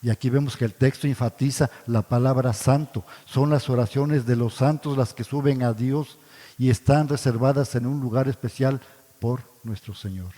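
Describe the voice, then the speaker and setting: A man's voice: medium pitch, mellow. Man teaching a Bible study in a reverberant church. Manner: asks the congregation questions and answers them himself; addresses listeners as brothers, frequent tag questions. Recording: church hall with long reverb.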